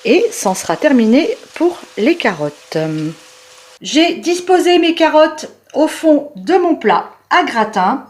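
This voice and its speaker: Woman, cooking host, homely chatter, slightly high voice. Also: big pitch swings, slow. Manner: chatty, homely, explains each step. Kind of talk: cooking demonstration. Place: home kitchen.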